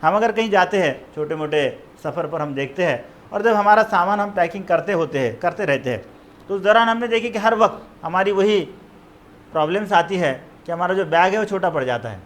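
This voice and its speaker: High-voiced man teaching biology. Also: expressive, brisk. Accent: Urdu-speaking, Maharashtra. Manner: explanatory, repeats terms in Urdu and English. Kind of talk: classroom lecture.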